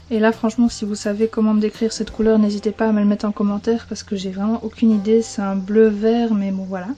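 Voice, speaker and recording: Belgian French woman, casual vlogger, slightly high, mellow voice, rambling chat with self-corrections, faint music underneath. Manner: chatty, rambling, frequent self-corrections and fillers. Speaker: beauty vlogger. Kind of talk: casual chatty video.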